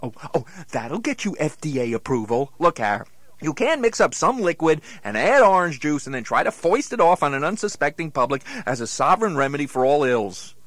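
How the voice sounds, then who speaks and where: Animated, exasperated male straight man. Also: on the high side, brisk, no room sound. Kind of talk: scripted comedy dialogue for radio.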